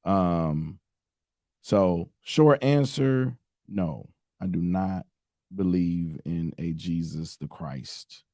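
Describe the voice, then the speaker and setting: A man co-hosting a podcast, explaining his views in a measured way with many fillers during a casual debate. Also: deep voice, mellow, no room sound, clean studio sound. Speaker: podcast co-host.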